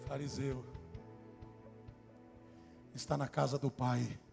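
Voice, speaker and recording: A man's voice: mid-range voice, flat delivery, slow, creaky, over music. A male preacher giving a fervent sermon at a church service and calling out to the congregation.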